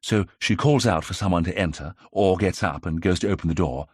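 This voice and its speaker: A man playing an eager 1920s gentleman sleuth. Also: sits low, husky, dry recording, studio quality. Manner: brisk, self-assured. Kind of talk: audiobook character reading.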